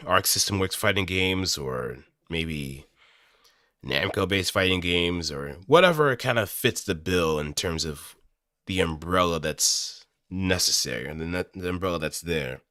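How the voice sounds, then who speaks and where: Here the amateur voice actor sounds low-pitched and animated, talking a little slowly in a pushed, bright tone with no echo. He addresses viewers casually on a close, dry studio mic, musing aloud in a halting, meandering manner.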